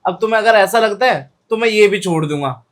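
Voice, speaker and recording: In a comic family skit, a woman plays a young husband caught cheating, defending himself and begging forgiveness in a defensive, wheedling, pleading manner. Her natural, mid-range voice is brisk with lively intonation.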